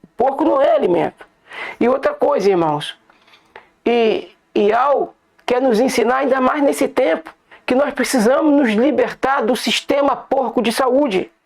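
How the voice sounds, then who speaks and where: Brazilian accent, gravelly voice, informal bible study, repeats himself, addresses brothers. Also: high voice, normal speed. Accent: Brazilian Portuguese. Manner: repetitive, keeps calling listeners "brothers", points things out. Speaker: online bible teacher.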